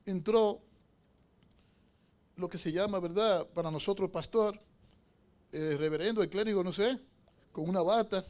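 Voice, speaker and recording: A male pastor with a notably high voice preaches to his congregation inside a church sanctuary. He drops to a hush as he tells a story, then climbs to loud, fervent exhortation. He keeps pulling the listeners in with rhetorical questions. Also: unhurried, pauses often. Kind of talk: sermon.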